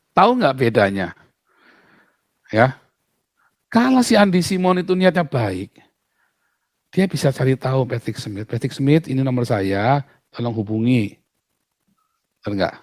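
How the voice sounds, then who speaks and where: Man, pastor, medium pitch, outspoken casual talk, emphatic with rhetorical questions, dry sound. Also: darkish tone, no echo.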